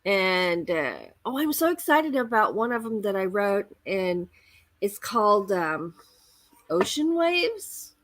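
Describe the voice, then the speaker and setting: Female host, casual livestream chat, expressive and unhurried, bright tone in a dry close sound. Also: mid-range voice, no echo. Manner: expressive, rambling storyteller. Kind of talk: casual chatty livestream monologue.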